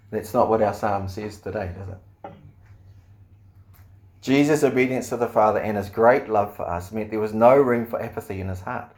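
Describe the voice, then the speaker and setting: A man's voice: fairly low pitch, a little mellow. Earnest male pastor preaching. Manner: earnest, rhetorical questions, frequent fillers. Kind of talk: sermon.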